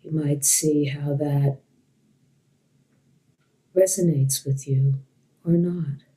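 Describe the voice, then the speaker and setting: A meditation teacher guides listeners in a low, soft-edged voice with a dark, relaxed tone. She talks very slowly and gently, leaving long pauses between short phrases, and the audio quality is poor.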